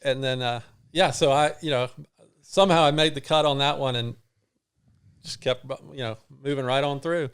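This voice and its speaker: A middle-aged man, a guest on an interview show, telling a long personal story in a halting way, with many restarts and fillers. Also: mid-range voice, steady tone, a bit bright, smooth. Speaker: guest runner.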